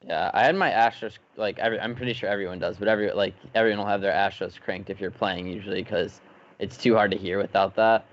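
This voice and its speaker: A man with a lowish voice describes his gaming events in a laid-back way, full of "like" fillers. The recording is a bit dull and lo-fi. He sounds relaxed and chatty. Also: fast talker. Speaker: podcast co-host, competitive gamer. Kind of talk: casual chat.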